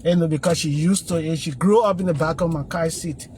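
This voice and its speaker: A man's voice: fairly high pitch, brisk, darkish tone, a little hiss or hum. An older man, talking earnestly and rambling in a casual phone vlog outside his church. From Liberia. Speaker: video blogger. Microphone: phone camera.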